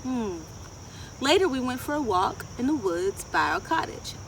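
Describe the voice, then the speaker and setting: A middle-aged children's storyteller with a rather high voice reads a picture book aloud outdoors in a wooded garden, posing questions to her young audience often. Her delivery is deliberate and expressive. The distant outdoor mic picks up insects and ambient outdoor sound.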